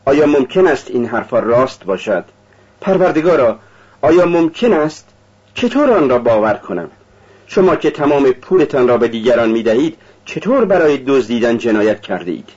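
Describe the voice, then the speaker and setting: A man's voice: mid-range voice, sing-song, darkish tone, slightly rough, highs cut off. A man reading an audiobook, voicing a timid, devout young woman with a raised, pleading voice.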